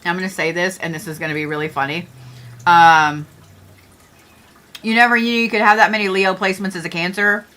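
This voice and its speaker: A woman's voice: lowish voice, steady tone, fairly quick, pauses often, pushed and bright. A middle-aged woman hosting an astrology livestream, chatting casually and joking with viewers, with the odd swear word.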